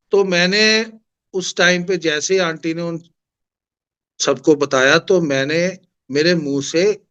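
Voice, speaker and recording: Recounting a devotional experience at a satsang, a middle-aged Punjabi man from India speaks in a conversational way and performs the quoted dialogue. His clear, resonant voice runs on the high side with a fairly bright tone. The audio itself is dull.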